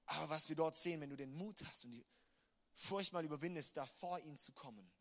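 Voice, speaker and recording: A man preaching a sermon, emphatic, moving between quiet reflective passages and loud urgent ones. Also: a little high, brisk.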